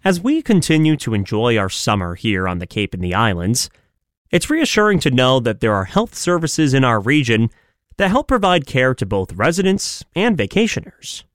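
Male host, mid pitch, animated intonation, dry studio sound; scripted intro, easy questions. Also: normal speed, no echo. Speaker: radio host.

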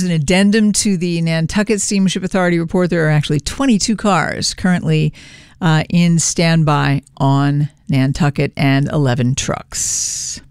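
Radio news host, mid pitch, very clear tone, dry studio sound, steady read. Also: no room sound. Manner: steady reading, loose ad-libs. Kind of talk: local radio newscast.

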